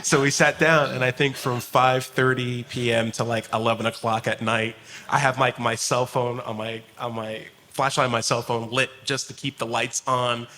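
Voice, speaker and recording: Give me a man with a bright voice telling lively stories on a panel. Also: mid-range voice, normal speed, a little hiss or hum. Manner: animated, laughs while telling stories.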